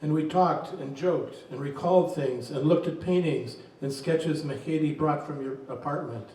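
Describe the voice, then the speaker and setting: A man reading his poems aloud at a reading event, in a slow, measured voice. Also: on the high side, a little mellow. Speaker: poet reading his work. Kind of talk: poetry reading. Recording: very echoey room, distant mic.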